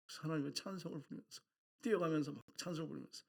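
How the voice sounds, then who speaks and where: A middle-aged man preaching with a husky, slightly breathy voice pitched a little high for a man. He tells his stories with animation and bursts into loud quoted shouts. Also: rapid-fire. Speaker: pastor. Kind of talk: sermon.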